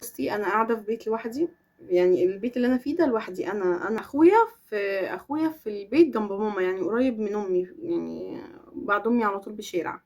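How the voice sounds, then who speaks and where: A woman's voice: medium pitch, animated, racing, a little mellow. A young woman with an Egyptian accent, chatting earnestly to camera as a vlogger answering viewers' questions and stressing her points with oaths. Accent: Egyptian Arabic. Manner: earnest, emphatic, swears oaths for emphasis. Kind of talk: casual chat to camera.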